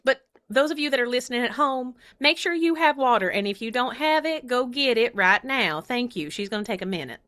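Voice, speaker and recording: A woman's voice: fairly high pitch, animated, fairly quick, few pauses, a bit bright, pitched above the performer's own voice. Woman voicing a bossy hand puppet with a Virginia twang. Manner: bossy, teasing. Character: chatty female hand puppet acting as host.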